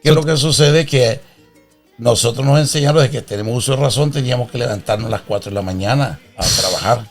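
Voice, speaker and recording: A man in his sixties from the plains, telling of his childhood in an earnest, proud, unhurried way. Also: medium pitch, soft background music. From Venezuela. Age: 60s. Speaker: interview guest, father of host. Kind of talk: casual interview.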